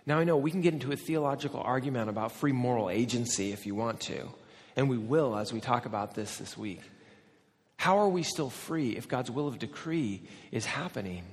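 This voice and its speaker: A man in his forties, a pastor, preaching a sermon and telling personal stories in an animated, self-deprecating way. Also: mid-range voice. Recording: hall with long reverb.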